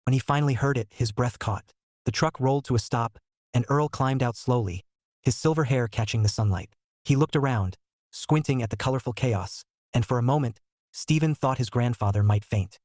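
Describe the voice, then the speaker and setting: A man narrates a romantic short story in a steady, measured way. His voice sits in an ordinary middle range, recorded close and dry with no room sound. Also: medium pitch, no echo.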